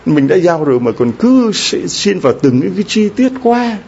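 A priest with a high, sing-song voice preaches at normal speed, his tone a little mellow with vocal fry and a breathy edge. He keeps the sermon conversational, frequently asking the congregation rhetorical questions, in a slightly dull lo-fi recording with faint background noise.

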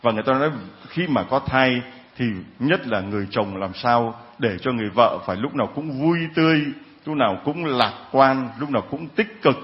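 Jovial priest preaching with a lo-fi sound. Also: male voice, mid-range voice, lively intonation, brisk. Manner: jovial, teasing the congregation. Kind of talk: sermon.

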